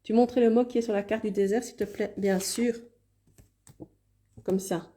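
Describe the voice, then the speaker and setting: The same kind of live-stream card reading comes from a mellow-voiced woman with a Liège Belgian French accent, this time at a mid-range pitch and normal speed with fairly even intonation. She chats casually, throws in apologetic asides and reads her viewers' comments aloud.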